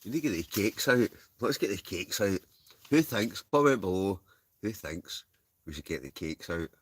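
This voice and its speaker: A man's voice: low voice, lively intonation, moderate pace, breathy edge. A Scottish man chatting casually to livestream viewers in a rambling, chuckling, easily sidetracked way. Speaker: livestream host. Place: inside a tent.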